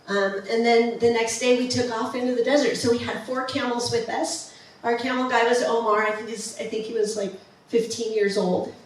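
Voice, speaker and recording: A woman with a medium-pitched voice presents a travel slideshow in a museum presentation room. She's casual and enthusiastic but keeps saying um and starting over. The far-off mic in the very echoey room adds a little hiss or hum.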